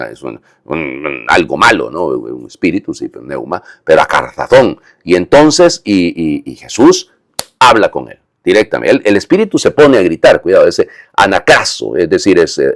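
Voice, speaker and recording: Priest preaching a homily: low, expressive male voice, dry recording, explains step by step. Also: dry recording. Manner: explanatory, with frequent tag questions.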